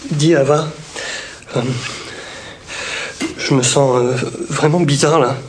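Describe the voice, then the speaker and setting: An actor playing a distressed young man pleading haltingly with his voice assistant in an audio drama. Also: fairly high pitch, fairly even intonation, slight background noise. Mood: uneasy, distressed. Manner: halting, swearing, breaking off words.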